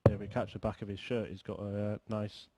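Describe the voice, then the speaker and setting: A man's voice: fairly low pitch, level tone, fast. A man commentating live on a darts match, describing the play and the players. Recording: very noisy live sports broadcast.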